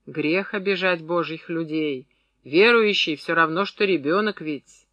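A man reading the part of a pious old peasant woman, speaking in soft, cautious, plain rural speech. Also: fairly high pitch, measured pace, no echo.

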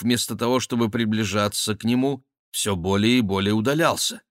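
A man narrating a novel as an audiobook reader, measured and even. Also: mid-range voice, no echo, studio quality. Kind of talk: scripted literary narration.

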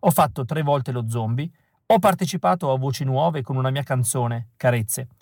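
A man's voice: mid-range voice, normal speed, a little mellow, dry recording, clean studio sound, lightly acted. A man voicing a pale, desperate young man begging for a job, pleading and frantic, in an audiobook reading. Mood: earnest. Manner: pleading, breathless and increasingly frantic. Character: pale desperate young male would-be extra.

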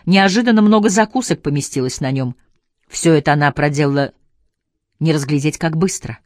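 A woman narrating a literary audiobook with a measured, expressive reading. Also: deep voice, no room sound, studio quality.

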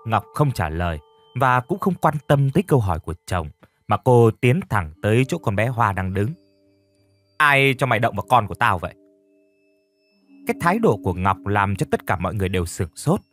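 A man narrating an audio story in a steady, even reading voice. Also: fairly low pitch, fairly quick. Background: soft music.

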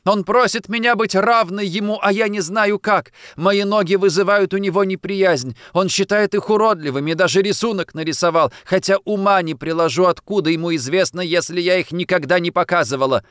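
A man voicing a distraught young married woman in an audiobook, in a high, strained, pleading voice. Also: fairly quick, few pauses, a bit bright, clean tone, no echo, studio quality.

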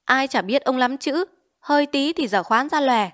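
In a storybook reading, a woman voices a hot-tempered male village chief who angrily blusters and barks orders. She pitches her voice above her own, high and expressive, at normal speed with a fairly bright tone.

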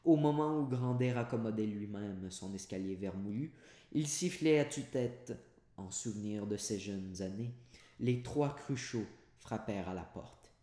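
A low-voiced man reads a classic novel aloud in one unedited take. He stumbles, corrects himself and drops casual asides. The room around him is echoey. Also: measured pace, warm tone. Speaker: audiobook reader and podcaster. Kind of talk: unedited audiobook reading. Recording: roomy echoey home recording.

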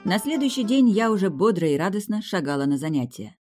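A woman reading a first-person fantasy novel aloud as an audiobook narrator, in a steady, wry storytelling manner. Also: medium pitch, a little fast, soft background music.

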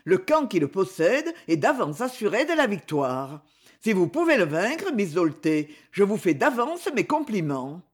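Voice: medium pitch, very animated, unhurried, slightly rough. A reader voicing a hearty, jovial young lord.

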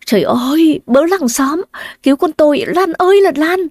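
A woman's voice: high voice, normal speed, dark tone, breathy edge, no room sound, studio quality, pitched above the performer's own voice. A woman voicing a frail elderly mother who cries out in panic for her daughter. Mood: panicked wailing. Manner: wailing, crying out.

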